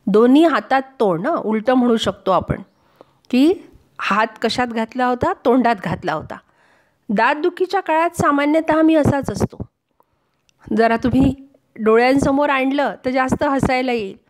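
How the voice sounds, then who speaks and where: A woman teaching a lesson in a high voice. She reads a humorous passage aloud and then stops to explain it in simple words. Her tone is that of a teacher. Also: normal speed. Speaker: Marathi teacher.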